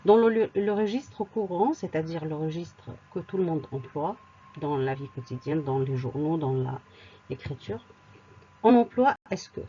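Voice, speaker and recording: A woman teaching a grammar lesson, explaining rules slowly with spoken examples and occasional hesitant fillers. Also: low voice, animated, dark tone, highs cut off, a little hiss or hum. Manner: slow and deliberate, repeats words, hesitant fillers. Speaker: French teacher.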